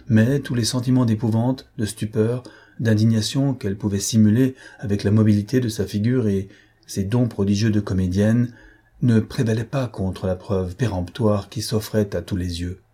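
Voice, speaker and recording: Low, husky male audiobook narrator. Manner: measured, steady storytelling. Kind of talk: scripted narration.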